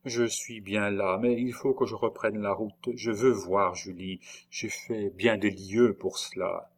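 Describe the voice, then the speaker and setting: A man reading aloud, voicing a weary, wrongly accused man who speaks softly and with resignation. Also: lowish voice, steady tone, unhurried. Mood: sorrowful. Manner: soft, subdued and resigned. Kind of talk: audiobook reading.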